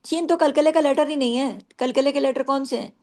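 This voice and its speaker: A woman teaching Quran recitation rules, breaking words into syllables, repeating them slowly, and asking and answering her own questions. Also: sits high, a little mellow. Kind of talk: tajweed lesson explaining pronunciation.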